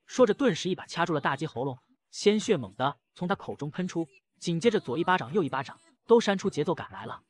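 A man narrating a dramatic comic recap with rapid, punchy storytelling. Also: on the high side, very animated.

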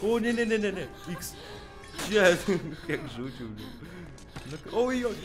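A young man talks over a video game he is playing, keeping up a stream of jokes and swearing. His voice sits a little high, and he breaks into shouts at the screen during the tense moments. Loud game music plays behind him. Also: big pitch swings, slow pace. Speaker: let's play gamer. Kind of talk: casual let's play commentary.

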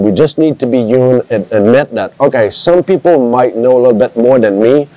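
An RV inspector, a man with a middle-pitched voice, drives his points home in a casual vlog. He sounds emphatic and a little like he is lecturing. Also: dark tone, poor audio. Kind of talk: casual chat to camera.

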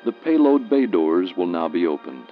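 A man reading scripted documentary narration in a measured, explanatory way. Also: low voice, big pitch swings, soft background music. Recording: dull archival film soundtrack.

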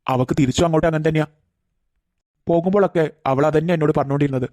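Man doing a fiery, fast-talking cartoon grandfather. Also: on the high side, darkish tone, no room sound, close to an everyday voice. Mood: earnest. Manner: firm, emotional. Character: protective grandfather, fiery yet loving. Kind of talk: cartoon voice acting.

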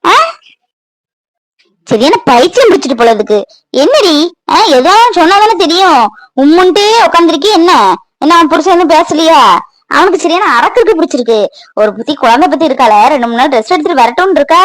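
A woman's voice: extremely high pitch, animated, fast, no echo, poor audio. Woman doing a scolding, bossy cartoon mother. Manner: scolding, nagging with repeated questions. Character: scolding middle-aged mother, sharp-tongued and bossy. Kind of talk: cartoon voice acting.

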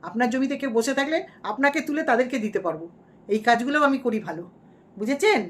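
A woman's voice: high-pitched, lively intonation, fast. A woman doing a gloating shameless vlogger villain. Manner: gloating, mock-defiant rants. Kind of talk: mock livestream parody.

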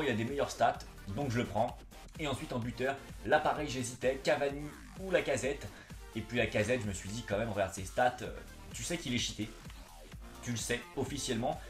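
A young man talks in a casual, slangy gaming-vlog style. His s sounds come out slightly lisped and slushy. His voice is mid-pitched, recorded in a roomy, echoey space with faint music behind. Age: young adult. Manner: slangy, chatty, informal. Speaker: gaming YouTuber, host. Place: small indoor room, seated on a couch.

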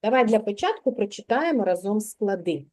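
A woman's voice: medium pitch, expressive, a little fast, darkish tone. A kindergarten teacher, a woman, guiding a young child through a literacy lesson, patiently coaxing and sounding out syllables in a classroom.

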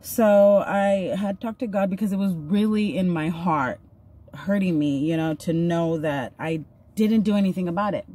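A warm, low-leaning voice at a moderate pace belongs to a vlogger in her thirties. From a parked car, filmed on a phone at arm's length, she does her makeup and tells a personal story, chatty, earnest, and heavy on fillers.

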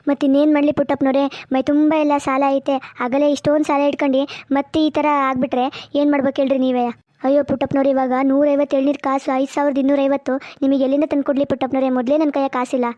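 A high, fast-talking young coconut vendor in a cartoon, voiced by a woman. He pleads in a flat, mellow tone. The sound is dull and lo-fi, dry. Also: no room sound, lightly acted. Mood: pleading. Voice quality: pleading, repeats the farmer's name. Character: young male coconut vendor, anxious and in debt.

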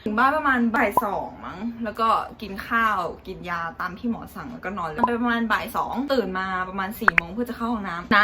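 A young woman vlogger telling a casual, animated story about her own experience, chatty and loose with slang. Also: mid-range voice, fast, few pauses. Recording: loud background noise.

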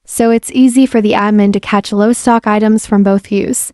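In a smooth, medium-pitched voice at a moderate pace, a woman explains an app step by step in a relaxed, friendly way. She's a software demo presenter giving a casual screen-recorded voice-over walkthrough. The voice-over mic captures studio-quality sound with no room sound.

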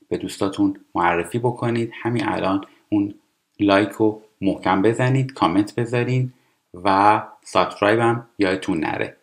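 A man teaching English, explaining TV dialogue line by line and reading English phrases slowly and carefully. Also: lowish voice. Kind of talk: language lesson explaining TV dialogue.

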